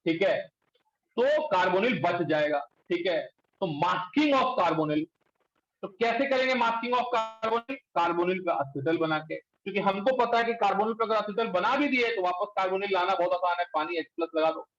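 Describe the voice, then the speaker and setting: A male chemistry teacher lecturing a class in speech, quizzing students and pushing them to answer quickly. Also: high voice, fairly bright tone. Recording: echoey room, dull lo-fi sound.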